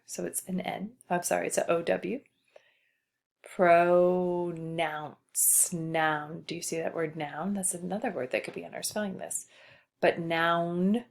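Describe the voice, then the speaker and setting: A woman teacher giving a patient spelling lesson to a child, slowly spelling out letters. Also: lowish voice, gravelly.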